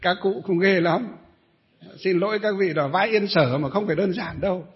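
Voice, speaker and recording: A middle-aged Buddhist monk tells a long story to his listeners in a high voice. He rambles, pauses on fillers and throws questions at the audience. The recording sounds dull and lo-fi. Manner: rambling storyteller, many hesitations, addresses listeners. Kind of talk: storytelling dharma talk.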